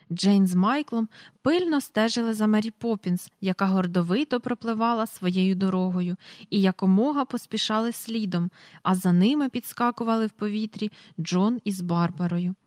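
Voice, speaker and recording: Lady reading a kids book, steady and clear, dry close sound. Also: mid-range voice, no echo. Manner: even, clear reading, reads out page numbers. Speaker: audiobook reader. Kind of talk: storybook narration.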